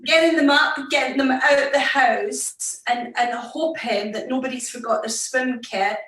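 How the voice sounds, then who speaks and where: A middle-aged woman with a Scottish accent, a fashion executive interviewed over a video call, speaking deliberately slowly. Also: sits high, fairly even intonation, fairly bright tone. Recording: roomy, distant video call audio.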